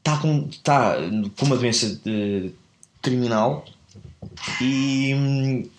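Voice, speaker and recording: A man's voice: mid-range voice, slow, roomy sound, slight background noise. Rambling man with a European Portuguese accent. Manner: rambling, self-correcting, laughs at own mix-ups. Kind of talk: casual chat, storytelling.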